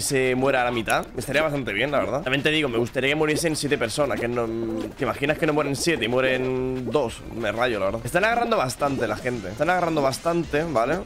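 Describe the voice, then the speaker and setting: Speaking with a Spain Spanish accent, a young adult man casually narrates his own gameplay, upbeat and chatty, addressing viewers directly as a lingering cough interrupts him. He records in his home gaming room, shelves of figures around him, using a boom-arm studio mic and wearing a headset.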